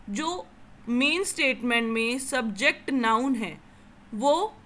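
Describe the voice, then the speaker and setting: A young woman with an Indian accent teaching English grammar. She reads each rule slowly in English and then explains it quickly in Hindi. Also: sits high, sharp tone. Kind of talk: classroom lesson explaining grammar.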